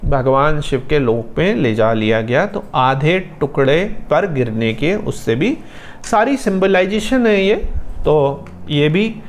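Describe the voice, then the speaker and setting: A man teaching about scripture in a patient, explanatory way, slowly chanting mantras as examples. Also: on the high side, lively intonation, a little hiss or hum. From India. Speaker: spiritual teacher.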